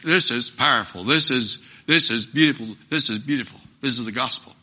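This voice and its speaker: A man's voice: medium pitch, brisk, pushed and bright. A man preaching a sermon, earnest and emphatic, repeating phrases for stress.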